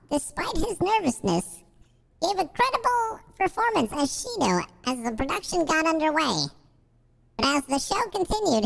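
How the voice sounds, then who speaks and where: A tiny, squeaky chipmunk voice reads out game text, sky-high and gravelly at once. The pitch bounces all over, and a long reverb tail trails behind each line. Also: male voice, a bit bright, heavily acted. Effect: sped-up chipmunk voice filter. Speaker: game streamer reading game text. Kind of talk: reading on-screen game text aloud.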